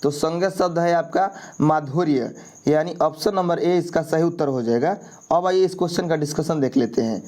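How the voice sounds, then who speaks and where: A man narrates a grammar lesson for exam candidates, his voice sitting a little higher than most men's. He explains each answer patiently and repeats key points, often pausing to check that listeners are following. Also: dark tone. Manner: repetitive, checks in with "ठीक है" often. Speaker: exam prep teacher. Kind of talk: explaining a Hindi grammar quiz.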